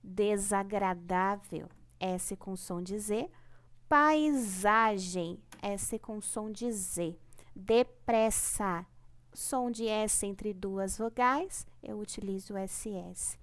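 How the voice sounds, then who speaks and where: A woman's voice: medium pitch, steady tone, takes it slowly, hardly any pauses. A woman teaching a primary class remotely with a Brazilian Portuguese accent, patient and repetitive, stretching out key words and checking in often.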